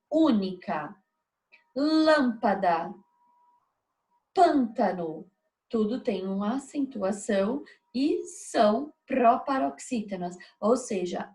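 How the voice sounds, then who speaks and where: A woman's voice: mid-range voice, a little mellow. A woman teaching a video lesson, explaining step by step and checking in with frequent tag questions.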